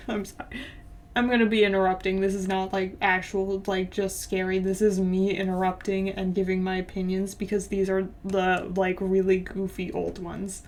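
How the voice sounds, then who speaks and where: A woman's voice: medium pitch, little pitch movement, normal speed, darkish tone. A young woman streaming, reading an old horror story aloud and breaking off with giggly, sarcastic commentary. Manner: giggly, sarcastic, laughs often mid-sentence.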